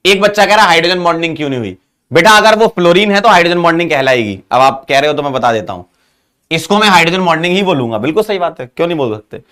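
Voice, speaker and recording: Man, chemistry teacher, fairly high voice, coaxing, quizzes students, mix. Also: pushed and bright. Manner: coaxing, asks students questions and praises them. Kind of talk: online chemistry lesson.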